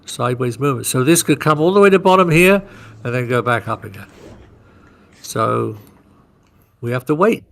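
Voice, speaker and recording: A man hosts a trading podcast, talking through chart moves conversationally and checking in often with "right?", acting out market scenarios as an animated storyteller. His voice is medium-pitched with vocal fry, at a moderate pace with long pauses.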